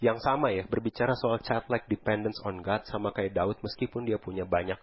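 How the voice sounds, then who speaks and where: A man preaching a sermon as a pastor, in a relaxed conversational way, switching freely between Indonesian and English. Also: fairly low pitch, fairly quick, lo-fi sound. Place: church hall.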